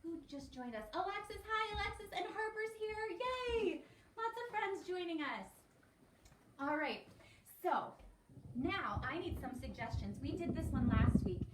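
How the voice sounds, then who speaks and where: A woman teaching music to young children, her voice set high and bright-toned, encouraging and sing-song as she invites them to join in. She is picked up from across a home room, so the sound is roomy and distant. A faint hiss sits under her. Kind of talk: live-streamed children's music lesson.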